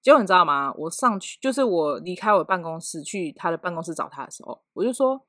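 A woman's voice: lowish voice, quick pace, no room sound. Woman, Taiwanese Mandarin accent, casual storytelling, acts out scenes, dry close sound. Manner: animated, acts out scenes with sound effects and laughter. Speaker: storyteller in a chat. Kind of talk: casual chat, telling an office story.

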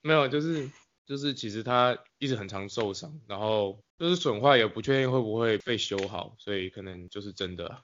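A man's voice: fairly low pitch, a little fast, fairly bright tone, dull audio, slight background noise. Casual male sports panelist.

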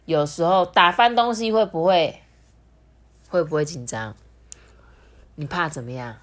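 A woman reading a children's storybook aloud, talking warmly and directly to young listeners. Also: on the low side, unhurried. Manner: animated, talks directly to children.

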